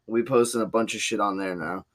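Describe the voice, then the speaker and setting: Laid-back young podcast co-host. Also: male voice, lowish voice, fairly even intonation, fast talker. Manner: laid-back, swears casually. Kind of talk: casual chat.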